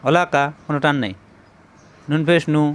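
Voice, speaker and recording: Male Quran teacher, smooth, slightly high voice, patient syllable drills. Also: moderate pace, a bit bright. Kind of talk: spelling out Arabic letters for learners.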